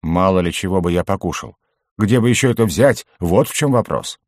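A man's voice: sits low, animated, fairly quick, a little mellow, dry recording, clean studio sound. Field: gnome cook. Figure: a man doing a curt grumbling gnome. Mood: grumpy. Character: grumpy male gnome camp cook.

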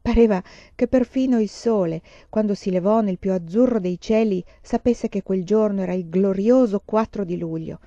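A woman reading a children's novel aloud in a measured storytelling voice, close to the mic. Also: medium pitch, dry recording, dull audio. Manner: measured reading, slowing on narration, brighter for children's lines. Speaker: reader.

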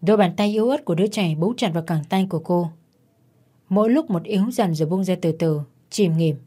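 A woman narrating a dark story in a tense, dramatic manner. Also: lowish voice, fast talker, husky.

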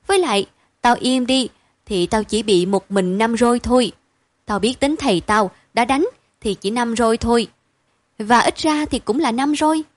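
A woman's voice: fairly high pitch, dry recording. A woman reading aloud and voicing a spirited poor village girl, the eldest sister, blunt and caring. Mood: matter-of-fact. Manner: brisk, blunt and matter-of-fact.

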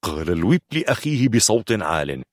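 A man reading a novel aloud in a measured storytelling manner. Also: on the low side, sing-song, no room sound, studio quality. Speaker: narrator. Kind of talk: scripted audiobook narration.

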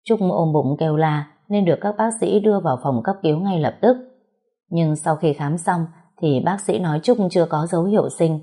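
A woman narrating an audiobook story in a steady, expressive reading voice. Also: sits low, moderate pace, breathy edge.

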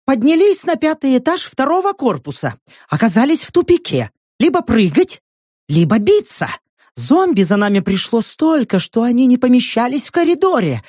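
Crazy old hag shrieking doom, super high, hollow almost machine-like voice. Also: female voice, very animated, normal speed, darkish tone, dry recording, clean studio sound. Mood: frantic wailing. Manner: shrill wailing, half-mechanical hollow voice. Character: crazed ragged old woman, shrieking doom.

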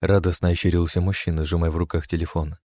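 A man narrating an audiobook with a steady, expressive reading, close to the mic. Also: low voice, fast talker, no room sound.

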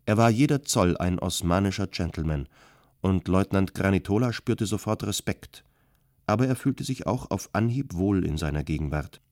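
A man narrating a literary audiobook in a calm, measured way. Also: deep voice, dry recording, studio quality.

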